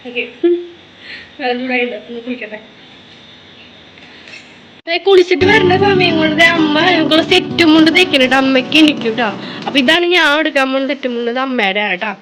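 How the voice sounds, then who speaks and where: Speaking into a phone propped up nearby, a young Kerala woman with a Thrissur Malayalam accent narrates a chatty vlog, tacking tag words onto her sentences, her voice slightly tired from a recent fever. It sits high with lively intonation; she talks fast but leaves long pauses. The scene shifts from her home work area to temple grounds.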